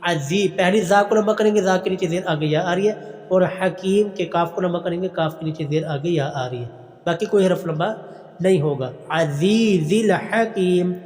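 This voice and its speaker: A man with a high voice teaches recitation in an online class. He stretches out each chanted verse, then drops to quick, quieter explanations of the rules. The sound trails off in a long reverb, and faint music sits in the background. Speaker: Quran teacher.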